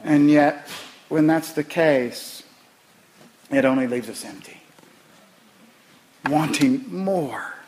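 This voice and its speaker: A middle-aged male pastor preaching a sermon, impassioned, repeating phrases and swinging from soft, low words to loud, rising ones. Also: slow pace, pauses often, a little hiss or hum, low-quality recording.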